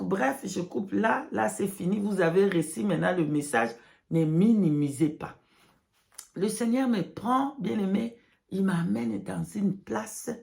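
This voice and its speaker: A woman's voice: mid-range voice, vocal fry, darkish tone. A woman giving religious testimony in broken, non-native French, mixing in English words and repeating phrases emphatically. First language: not French. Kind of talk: religious testimony addressed to followers.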